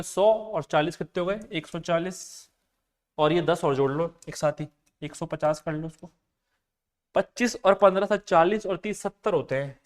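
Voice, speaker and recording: Here a high-voiced man delivers an exam-prep lecture in maths and reasoning, moving step by step and repeatedly checking his students' understanding.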